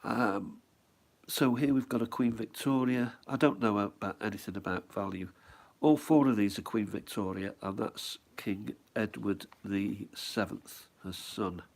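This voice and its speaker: This gravelly, lowish-voiced middle-aged man, nursing a head cold, talks at a measured pace at home. He walks through his stamp album in a rambling show-and-tell, wondering aloud and quizzing himself.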